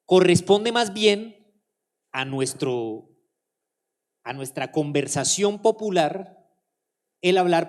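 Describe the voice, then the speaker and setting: A man gives a conference lecture and answers questions from the audience. His voice sits fairly high. He explains in a measured way.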